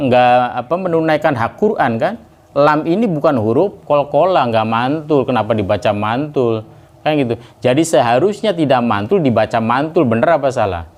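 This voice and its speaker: A man teaching Quran recitation to a class, speaking casually between verses and drawing the recited words out slowly. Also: a little high. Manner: casual explanations in between, calls the class to repeat.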